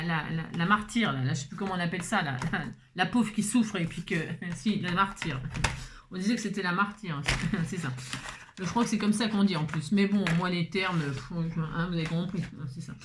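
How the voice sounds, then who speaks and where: A fairly high-voiced woman with a French accent chats her way through a card-making project at her craft table. She thinks aloud and laughs at her own fumbles. A faint hiss sits under the recording. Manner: chatty, self-mocking, thinks aloud with many fillers. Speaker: craft video host. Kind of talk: casual crafting demonstration.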